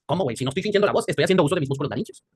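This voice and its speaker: A man's voice: a little high, expressive, very fast, breathy edge, no room sound. A man with a Mexican accent teaching an anatomy class, quizzing his students and joking in crude slang. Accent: Mexican Spanish. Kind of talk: classroom lecture.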